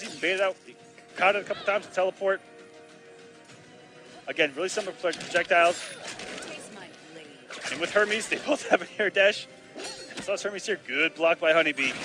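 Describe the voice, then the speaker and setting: Excitable esports commentary comes from a high-pitched man calling a fighting game live, his voice a little raspy after long stretches of casting. On the big plays he erupts into loud bursts.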